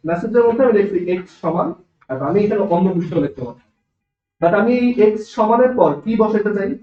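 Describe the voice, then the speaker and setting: Bengali guy with a bangladeshi accent teaching coding to a class, high voice, roomy echo, kinda muffled lo-fi sound. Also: fast. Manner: explains step by step, asks the class checking questions. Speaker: programming teacher. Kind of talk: classroom lecture. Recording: echoey classroom, dull lo-fi sound.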